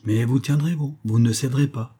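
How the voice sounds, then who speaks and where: Un homme lisant à voix haute incarne un jeune séducteur calculateur qui presse et persuade avec insistance. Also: male voice, mid-range voice, brisk, dark tone, breathy edge, pitched above the performer's own voice, natural voice. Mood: persuasive. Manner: insistent and coaxing.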